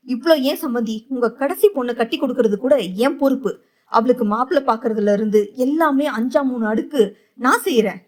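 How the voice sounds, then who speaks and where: A woman's voice: a little high, darkish tone. A woman voicing a scheming, pushy middle-aged mother-in-law in an audio novel, pleading emotionally.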